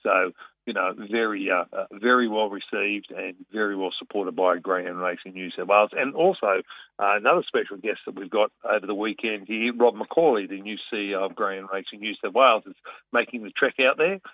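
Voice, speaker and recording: Gravelly Australian man, halting radio guest. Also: fairly low pitch, no echo, phone-quality sound. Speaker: interview guest, racing carnival organiser. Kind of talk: casual radio interview.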